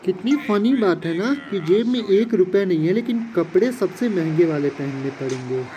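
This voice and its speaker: A man's voice: sits high, expressive, normal speed, dark tone, a little hiss or hum, poor audio. A man casually narrating a game story as a chatty, slangy storyteller. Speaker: gameplay narrator. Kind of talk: storytelling over game footage.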